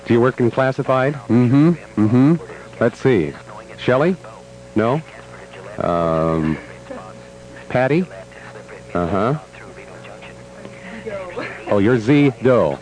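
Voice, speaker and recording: Lively chatty male radio host. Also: mid-range voice, extremely slow, pauses often, soft background music, low-quality recording. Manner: chatty, animated, easily amused. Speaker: radio morning show host. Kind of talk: casual morning radio chat.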